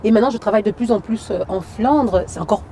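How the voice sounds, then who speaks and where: Mellow-voiced woman chatting outdoors. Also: mid-range voice, fast talker, slight background noise. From Cameroon. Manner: lively, frequent fillers and "tu vois". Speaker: actress and singer, guest. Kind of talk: casual interview chat.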